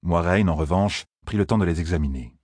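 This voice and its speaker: Male audiobook narrator, low and husky, steady measured delivery. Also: no echo, studio quality.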